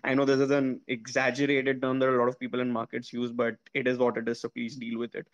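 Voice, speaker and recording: A mid-pitched Indian-accented man hosting a podcast chat. He poses long, measured questions full of fillers, and his audio sounds dull and lo-fi. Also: completely flat delivery. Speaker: podcast interviewer. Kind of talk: casual interview questions.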